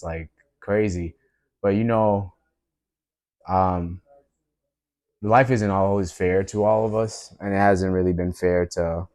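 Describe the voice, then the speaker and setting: A man with a deep, low voice talks through his personal story for a vlog. He rambles in a loose, reflective way and leans on fillers, with an earnest, spiritual tone. The sound is dry and close, with no room echo. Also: darkish tone. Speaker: vlogger.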